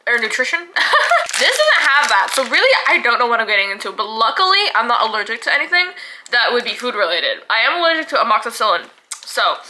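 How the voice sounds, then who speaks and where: A woman's voice: fairly high pitch, background noise. A young woman reviewing snacks in a casual vlog, chatty and laughing often, filling her talk with "like".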